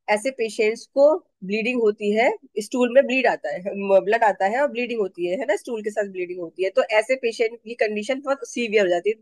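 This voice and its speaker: A woman's voice: on the high side, no echo. A woman teaching a neurotherapy class on a video call, explaining patiently, checking in with her listeners and mixing in English terms. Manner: explanatory, repeats and checks understanding; mixes English terms into speech. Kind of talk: online class lecture. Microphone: video call mic.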